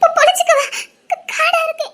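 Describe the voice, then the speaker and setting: A woman's voice: very high voice, brisk, sharp tone. A woman voicing a frightened, childlike young woman with a Tirunelveli Tamil accent, tearful and stammering. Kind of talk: audio drama acting.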